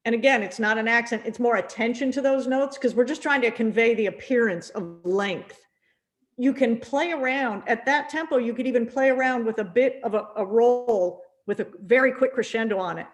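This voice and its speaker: A middle-aged woman leads a percussion masterclass in a rehearsal room. Her voice sits slightly high, and she speaks in a kindly, encouraging way, often restarting or repeating a word as she works out her thought. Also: normal speed. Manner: gentle, encouraging, repeats words as she thinks. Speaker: percussion teacher giving a masterclass.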